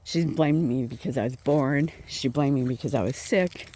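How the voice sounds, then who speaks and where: A woman's voice: extremely low pitch, moderate pace, mellow. A woman vlogging while out walking her dogs, slightly out of breath, telling a rambling, chatty story. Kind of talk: casual walking vlog. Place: outdoors on a walk with dogs.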